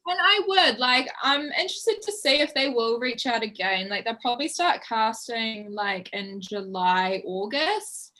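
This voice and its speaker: A young woman with a strong New Zealand accent chats casually as a podcast guest. Her voice is bright and forceful, and she laughs easily and fills her talk with "like". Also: a little high, expressive, unhurried, few pauses, low-quality recording. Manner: chatty, laughs often, leans on "like". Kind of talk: casual interview chat.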